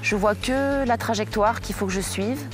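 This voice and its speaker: A woman's voice: on the high side, moderate pace. Woman from the barcelonnette area, bike guide and racer, talks loose and chatty, music playing under her. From France, Barcelonnette valley. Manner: relaxed, chatty, uses informal "tu". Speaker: amateur downhill racer and mountain bike guide. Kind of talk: casual interview.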